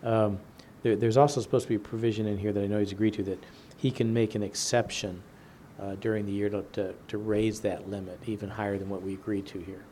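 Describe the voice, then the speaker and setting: A man's voice: lowish voice, little pitch movement, fast talker, hardly any pauses, warm tone. A man in the role of finance official, explaining things plainly and step by step in a meeting. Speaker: finance official presenting to a board. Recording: faint background noise in a meeting.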